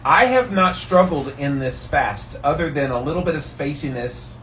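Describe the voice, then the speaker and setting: A man's voice: on the high side, animated, normal speed, fairly bright tone. Male vlogger, casual and explanatory, speaking while immersed in ice cold water; mic set back, some ambient noise. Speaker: vlogger sharing health tips. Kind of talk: casual explanatory talk to followers. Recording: distant mic, background noise.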